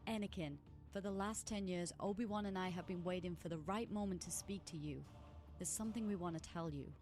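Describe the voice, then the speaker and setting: Man putting on a soft young woman warrior voice, raised pitch, gentle. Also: a little fast, soft background music.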